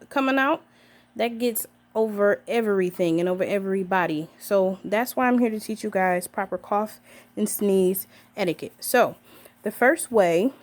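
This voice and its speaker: A woman working as a nurse, giving an upbeat health lesson to camera and checking in with viewers as she goes. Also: medium pitch. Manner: upbeat, addresses viewers as guys, checks in with okay.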